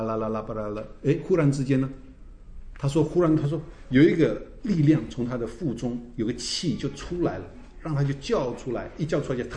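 A man, a pastor teaching a church class, telling stories in a lively way, tagging his phrases with "哈" and laughing often. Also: medium pitch. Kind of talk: teaching a Bible class, with anecdotes. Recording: roomy echo.

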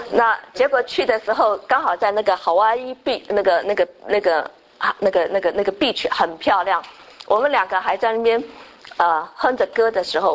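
Older woman, middle pitch, testimony speaker, chatty storyteller with frequent fillers and English words mixed in. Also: low-quality recording. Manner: sprinkles English words into speech. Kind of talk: personal faith testimony.

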